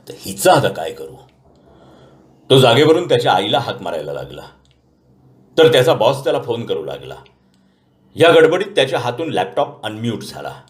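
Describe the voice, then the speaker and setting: A male narrator reading an audio story in a lively storytelling manner. His pitch rises and falls in an animated way, sitting in a middle register. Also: echoey room.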